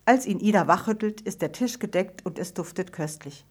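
A woman narrating a children's story in a calm, measured audiobook style. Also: lowish voice, breathy edge.

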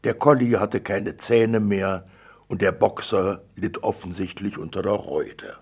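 Male storybook narrator, low, husky, creaky voice, dry delivery. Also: steady tone, measured pace. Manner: dry first-person narration, gruff father's lines. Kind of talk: storybook reading.

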